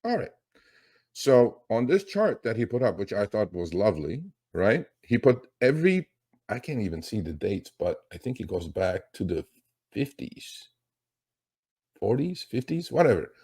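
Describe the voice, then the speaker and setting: A man's voice: fairly low pitch, big pitch swings, normal speed, mellow, husky. A middle-aged man hosting a finance show, talking casually and rambling, with many fillers and restarts. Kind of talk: casual market commentary.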